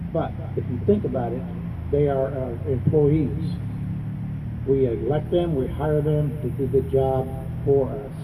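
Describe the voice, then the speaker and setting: Man, mid-pitched voice, campaign speech, adamant and plain-spoken, distant microphone, clear traffic noise behind. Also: phone-quality sound. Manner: adamant, plain-spoken, repeating phrases for emphasis. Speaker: congressional candidate and veterans advocate. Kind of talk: campaign speech at a news conference.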